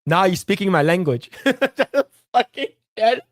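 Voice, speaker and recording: A man hosts a casual solo livestream, animatedly riffing on movies and answering his chat while swearing freely. His high voice moves slowly, captured in a dry, studio-quality recording.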